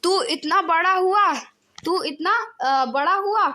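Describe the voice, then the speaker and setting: A woman's voice: very high voice, takes it slowly, sharp tone, voice pushed up, full character voice. A woman voicing a stern scolding mother.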